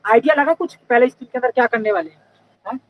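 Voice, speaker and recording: A man's voice: extremely high pitch, quick pace, phone-quality sound. A young man teaching a live online class in a casual, chatty way, often checking in with his students.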